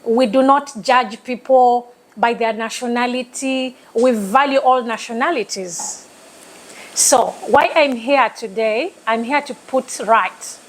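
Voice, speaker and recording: A woman from eastern Uganda, speaking with a Ugandan accent and a fairly high pitch, appears as a talk show guest. She talks earnestly and deliberately, as though delivering a speech. The recording quality is low.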